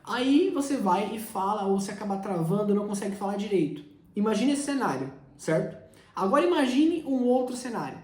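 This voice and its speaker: Brief: young male sales coach, direct teaching delivery, mellow tone. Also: high voice, lively intonation, a little fast. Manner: direct, addresses the listener constantly. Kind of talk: instructional talk. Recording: roomy echo.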